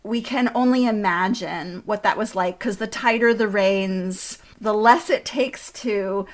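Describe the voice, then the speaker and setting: Woman, interviewer, slow-paced, medium pitch, thoughtful, measured, conversational.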